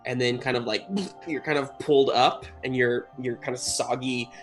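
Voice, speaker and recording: A man narrating a tabletop game as game master, improvising haltingly and searching for words. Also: mid-range voice, flat delivery, a bit bright. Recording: music playing behind the voice. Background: music.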